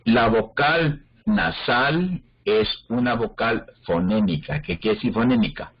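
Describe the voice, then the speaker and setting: A man's voice: mid-range voice, very animated, takes it slowly, vocal fry, husky, muffled recording. A man teaching an online phonology class, explaining step by step and often checking whether students follow. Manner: explains step by step, checks understanding with frequent questions.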